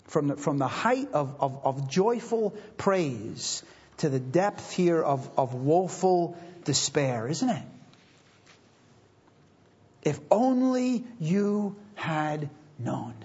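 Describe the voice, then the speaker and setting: A man's voice: fairly high pitch, animated, slow pace, a little mellow, slightly rough. A man preaching a sermon as pastor, emphatic and repeating phrases for stress, on a dull lo-fi recording.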